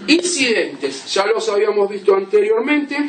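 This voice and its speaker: A man's voice: high voice, big pitch swings, moderate pace, a little hiss or hum. A male law lecturer, giving a classroom lecture and checking in with "¿sí?" as he explains through examples. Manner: explains with examples, asks "¿sí?" often. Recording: roomy classroom from a distance.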